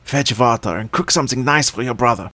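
A man's voice: medium pitch, brisk, sharp tone, dry recording, voice pushed up. A man voicing a wicked, cruel old witch who scolds and schemes in a storybook reading. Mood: scolding.

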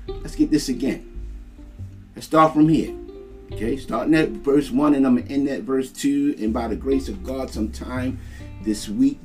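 A man preaching a sermon, slow and emphatic, repeating his key phrases. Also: medium pitch, darkish tone.

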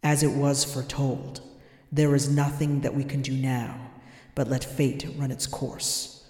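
A storyteller voicing a giant green face that speaks slowly and solemnly. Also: level tone, mellow, roomy sound, long reverb tail, close to an everyday voice. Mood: ominous. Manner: booming, slow, solemn.

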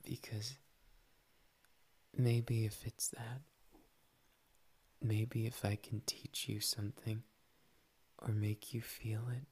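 A man's voice: fairly low pitch, breathy edge, full character voice. A man voicing a shy, playful young male cat boy in a whispered ASMR roleplay, tender and teasing, slipping "nya" into his talk. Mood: wistful. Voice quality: soft whispery delivery.

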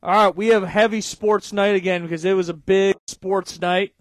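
A man in his thirties co-hosting a casual sports talk show, excitable and swearing, often shouting with excitement. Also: high voice, normal speed, no echo. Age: 30s. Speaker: podcast co-host.

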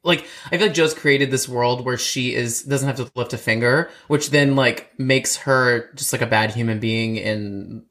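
A man's voice: medium pitch, unhurried, hardly any pauses, fairly bright tone. A man in his thirties from Dallas, co-hosting a casual chat, rambling with lots of restarts. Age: 30s. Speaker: podcast co-host.

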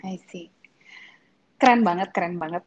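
A woman hosting a podcast interview, friendly and eager, chiming in with quick affirmations. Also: lowish voice. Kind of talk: casual interview chat. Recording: slightly dull lo-fi sound.

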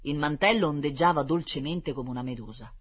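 A storyteller reading a children's fable aloud in an expressive, lively manner. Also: mid-range voice, fairly quick.

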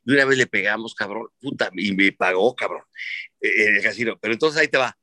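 Speaking with a fairly low pitch and a quick pace, this Mexican-accented male host swaps sports stories in a loose, casual conversation. He's lively and foul-mouthed, mimicking whoever he quotes, and the audio is dry.

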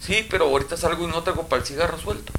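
A man's voice: a little high, racing. Mexican guy bantering in a casual chat, joking around, noisy background. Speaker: podcast co-host.

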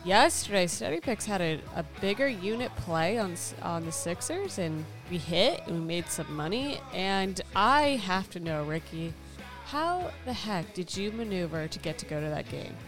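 A woman's voice: lowish voice, very animated, moderate pace, music in the background. A woman co-hosting a casual sports betting talk show, chatty and teasing with a fan's enthusiasm. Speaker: co-host.

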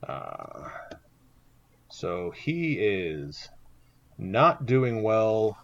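A man's voice: fairly low pitch, sing-song, very slow. A man running a tabletop game as game master, narrating the action descriptively with lots of fillers, recorded with dull lo-fi sound.

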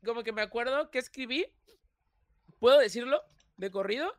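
A young man with a Mexican Spanish accent, talking as a guest in a casual interview, animated and quick to laugh. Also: extremely high pitch, no room sound. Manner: animated, laughs often, restarts phrases. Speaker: YouTuber guest.

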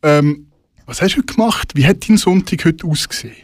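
Host: man, light higher voice, attentive questioner, dry close mic. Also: lively intonation, fairly quick, no room sound. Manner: attentive, short affirmations. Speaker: interview host. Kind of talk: interview.

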